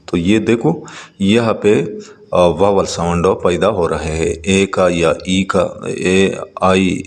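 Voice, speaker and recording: A man teaching a textbook lesson, reading English lines slowly and then explaining them, with frequent hesitant pauses. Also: low voice, steady tone, long reverb tail.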